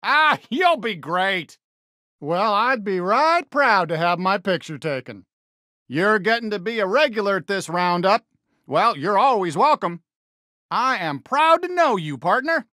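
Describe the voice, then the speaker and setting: A man voicing a friendly toy cowboy sheriff for a video game, with an American accent and a folksy, eager, expressive drawl. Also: sits high, unhurried, no room sound, clean studio sound, full character voice. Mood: warm, cheerful. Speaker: video game character greeting players. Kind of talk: animated game voice lines.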